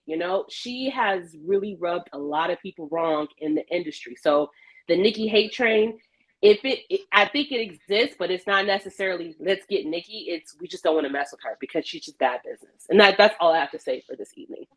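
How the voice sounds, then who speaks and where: A woman giving opinionated casual commentary, stressing her points with deliberate repetition. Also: on the low side, lively intonation, low-quality recording.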